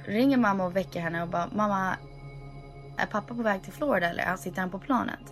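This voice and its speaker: Young woman telling a spooky story, switches into english a lot, faint music behind. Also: mid-range voice. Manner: animated storytelling mixing Swedish and English. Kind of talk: casual chat.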